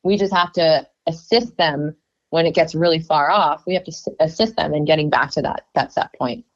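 A woman's voice: sits low, moderate pace, lo-fi sound. A woman chatting casually as a guest on an interview podcast.

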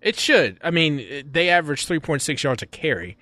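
Lively joking male podcast co-host. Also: on the high side, normal speed, no room sound. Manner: joking, lively, reads out schedules. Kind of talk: casual sports chat.

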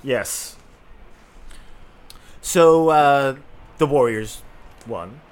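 A man's voice: medium pitch, expressive, extremely slow. A man co-hosting a podcast, telling a long, rambling story in casual chat, full of "like" and restarts. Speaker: podcast co-host.

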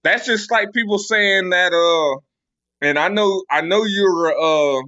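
A man's voice: high voice, unhurried, sharp tone, no room sound, muffled recording. A man co-hosting a podcast, arguing contrarian football takes in a casual, stammering way. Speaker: podcast co-host. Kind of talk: casual sports debate.

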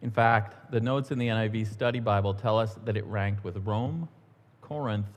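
A middle-aged man giving a relaxed, conversational sermon in church, telling stories with the odd um and aside. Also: fairly low pitch, moderate pace. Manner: relaxed, storytelling, a few ums and asides. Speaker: church minister. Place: church sanctuary. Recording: long church-hall reverb.

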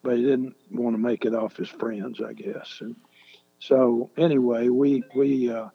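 An older man telling a long story as an interview guest, halting and deliberate with many restarts. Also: medium pitch, level tone, creaky, slightly rough. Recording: echoey, dull lo-fi sound.

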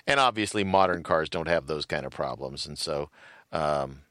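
A man's voice: rumbling low, normal speed, a bit bright, no room sound, studio quality. A man co-hosting a podcast in casual chat, rambling with many fillers and frequent laughs. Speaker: podcast co-host.

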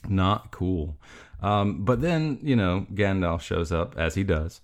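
A man's voice: deep voice, takes it slowly. A man in his thirties hosting a podcast, chatting casually about a film, rambling with frequent laughs and restarts. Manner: rambling, laughs often, many restarts and fillers. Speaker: podcast host.

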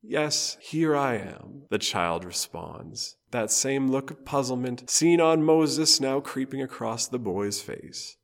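A man preaching a storytelling sermon, telling Bible stories slowly, phrase by phrase, with dramatic pauses. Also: medium pitch, animated.

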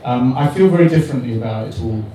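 A man's voice: medium pitch, fast talker, warm tone. A man on a book club panel, talking frankly and casually, swearing now and then and poking fun at himself. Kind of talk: casual discussion. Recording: echoey room, mic far off, faint noise.

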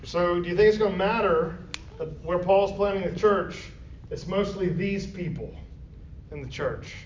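A man with a high-pitched voice speaks a little slowly while teaching a Bible study class in a classroom or church meeting room, talking conversationally and often asking the group questions. The audio is roomy, distant and dull lo-fi, with faint noise.

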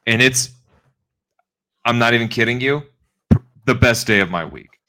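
A man's voice: mid-range voice, measured pace, sharp tone, poor audio. A man bantering casually as a podcast co-host in a slangy frat-bro manner. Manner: slangy frat-bro talk, full of "dude" and "bro".

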